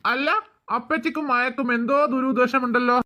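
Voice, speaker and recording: A woman's voice: high-pitched, fairly even intonation, a little fast, sharp tone. Woman playing a blunt young cartoon man. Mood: mocking. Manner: blunt, mocking, impatient. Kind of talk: cartoon voice acting.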